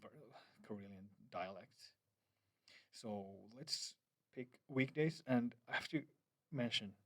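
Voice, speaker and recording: An app developer, a man whose first language is Finnish, narrates a screen-recorded app demo in a fairly low voice. The studio-quality recording has no echo, and he sounds hesitant, with many fillers, restarts, and loose phrasing.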